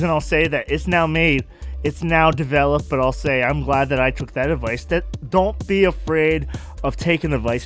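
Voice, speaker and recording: A male host of a casual video interview, talking in an animated way and often repeating "I'll say this.". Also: a little high. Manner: animated, repeats "I'll say this", loud and hyped in outro.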